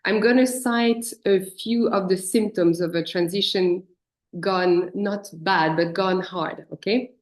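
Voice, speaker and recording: Woman guest speaker, leadership coach, reflective talk to a congregation over a video call, mid-range pitch. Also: fairly even intonation, slow pace. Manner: reflective, invites listeners to picture their own experience. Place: speaking remotely from abroad.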